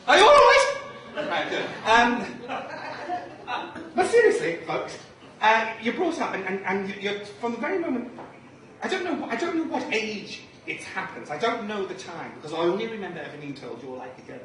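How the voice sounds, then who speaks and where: Recorded from a distance in a noisy, echoey room, this Liverpool man is a drag performance poet, chatting flamboyantly with a live audience and reciting a poem in camp style. His high voice is very animated and a bit bright, at a moderate pace.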